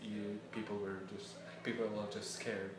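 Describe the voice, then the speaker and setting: Being interviewed, a young Syrian man in his early twenties, a student, responds haltingly and fills his answers with filler words. He speaks at a normal speed in a fairly low, level voice. Echo, a far-off mic, and background noise mark the recording.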